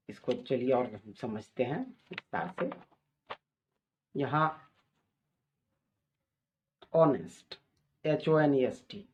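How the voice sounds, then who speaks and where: A man teaching English grammar, explaining slowly and deliberately and spelling out example sentences. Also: mid-range voice. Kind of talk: explanatory lesson in Hindi. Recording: dull lo-fi recording.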